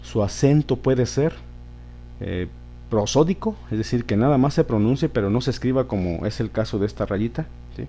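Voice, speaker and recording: Mellow-voiced teacher, man. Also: mid-range voice, lively intonation, normal speed, a little hiss or hum. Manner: patient, repeats words and checks with "¿sí?". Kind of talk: spoken grammar lesson.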